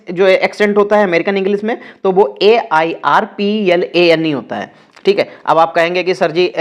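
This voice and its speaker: A young man teaching an exam-prep vocabulary lesson, spelling words out letter by letter. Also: high voice.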